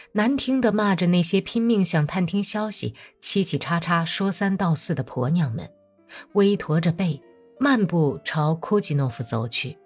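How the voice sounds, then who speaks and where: A woman narrating a novel as an audiobook in an expressive storytelling manner. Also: on the low side.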